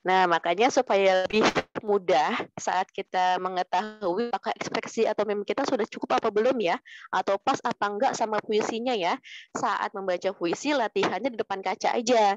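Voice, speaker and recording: A gentle woman teacher with a medium-pitched voice leads a poetry reading lesson for children, calling her pupils "sayang" and "Nak" and slowing down to demonstrate. The recording is dry and muffled, lo-fi with no echo.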